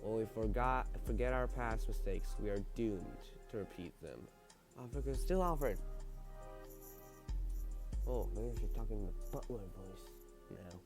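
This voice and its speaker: A low-voiced man reads a game's story aloud as its narrator. He stumbles over phrases and corrects himself as he goes, with music clearly playing behind him. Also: animated. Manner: halting reading with stumbles and self-corrections. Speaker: player reading a visual novel aloud. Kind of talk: narrated read-through with character dialogue.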